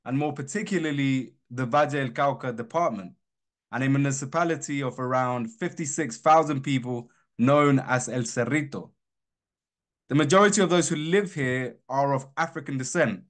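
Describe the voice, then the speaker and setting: A young Colombian man with a British accent and a mid-range voice presents his research. His academic talk is measured and earnest.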